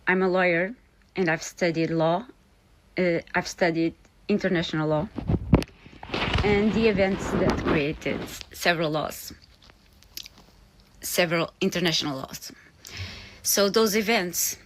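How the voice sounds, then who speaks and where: A woman from Portugal, a lawyer speaking to camera in an earnest, halting way. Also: fairly low pitch, noisy background. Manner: earnest, halting, with frequent pauses. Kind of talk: direct-to-camera warning video.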